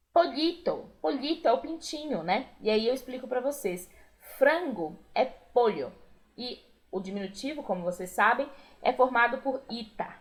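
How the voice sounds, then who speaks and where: A Brazilian Portuguese accent colors this woman's fairly high voice as she teaches a recorded Spanish lesson. Patiently, she repeats each word clearly.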